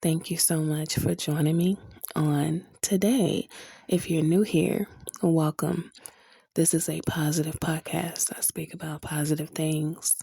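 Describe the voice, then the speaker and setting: Slow, stuffy-voiced woman podcast host. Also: sits low, creaky, mellow, husky, no echo. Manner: slow, earnest and encouraging. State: stuffy from a cold. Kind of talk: motivational podcast talk.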